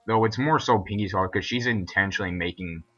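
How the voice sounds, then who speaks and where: A man's voice: lowish voice, brisk, a bit bright, highs cut off, soft background music. A young man giving a casual, rambling commentary on a cartoon episode, full of fillers. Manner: rambling, filler-heavy, chatty.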